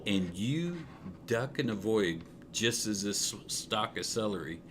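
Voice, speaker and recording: A man narrating a tabletop game as game master, playful and lively. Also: lowish voice, slow, a little hiss or hum.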